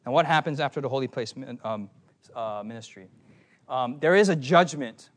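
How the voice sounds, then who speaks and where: Animated young man preaching a sermon. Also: mid-range voice, normal speed. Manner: animated, asks the audience questions.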